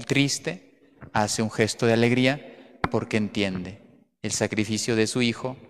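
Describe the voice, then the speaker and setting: A man, a priest, giving a homily in a church, telling a story earnestly, pausing and repeating words. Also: lowish voice, smooth. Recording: long church reverb.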